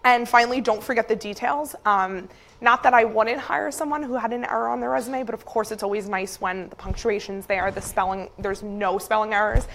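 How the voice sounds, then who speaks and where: A woman's voice: a little high, steady tone, brisk, vocal fry, fairly bright tone, slight background noise. A woman giving friendly career and resume advice in a classroom presentation, talking with frequent fillers. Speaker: career advisor speaking to students.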